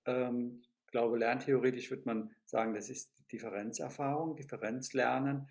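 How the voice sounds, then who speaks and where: A man speaking as a podcast guest in a reflective conversation, searching for his words and pausing on many filler sounds. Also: medium pitch, fairly even intonation, vocal fry, a little mellow. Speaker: guest discussing education theory.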